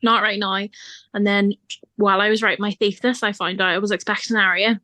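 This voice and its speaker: A woman's voice: medium pitch, flat delivery, fairly quick, pushed and bright, dry recording. A woman from Ireland, a podcast guest talking openly in a casual chat and laughing often. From Northern Ireland. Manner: chatty and open, laughs often.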